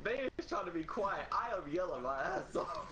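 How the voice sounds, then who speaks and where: A man livestreaming a co-op game with a friend, loud, laughing a lot and swearing freely. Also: sits high, very animated, normal speed, a crowd in the background. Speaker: livestreaming gamer. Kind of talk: casual co-op gaming chat.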